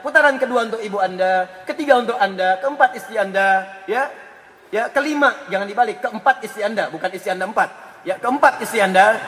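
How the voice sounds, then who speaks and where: A man preaching a sermon full of humorous anecdotes, lively, moving between loud emphasis and hushed asides. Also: very high-pitched. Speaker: Islamic preacher. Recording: long hall reverb.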